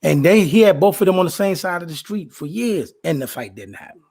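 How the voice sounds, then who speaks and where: A man's voice: high-pitched, animated, a little fast, creaky, a little mellow. A man in his late forties arguing sports in a casual debate, emphatic and often repeating himself. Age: 40s. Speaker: co-host.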